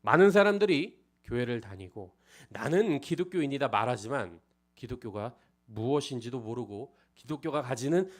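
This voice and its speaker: A male preacher gives an expository sermon. He keeps asking the congregation questions and moves between loud emphasis and hushed, almost whispered asides. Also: mid-range voice. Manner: frequent rhetorical questions to the congregation.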